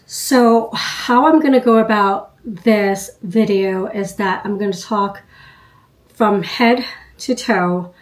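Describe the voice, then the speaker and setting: A beauty vlogger in her fifties, still recovering from a cold, chats to the camera about her routine in a nasal, congested voice. She is unhurried and chatty, full of ums and you knows, and her voice is mid-range on poor audio.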